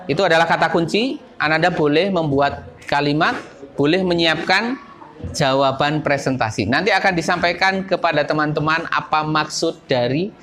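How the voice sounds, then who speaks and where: A man teaching a school class, leading it through word games and lively call-and-response chants. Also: a little high, moderate pace.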